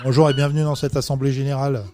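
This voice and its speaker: Un homme coanimateur qui lance des blagues et pose des questions en discussion détendue. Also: male voice, medium pitch, little pitch movement, darkish tone. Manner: quick-witted, joking asides. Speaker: co-host. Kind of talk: casual chat.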